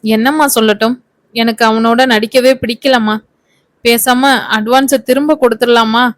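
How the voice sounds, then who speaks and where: A woman's voice: a little high, fairly even intonation, moderate pace, dry recording, lightly acted. Woman voicing a young actress, indignant. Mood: complaining. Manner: indignant, complaining. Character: young actress, daughter, quick-tempered and childish.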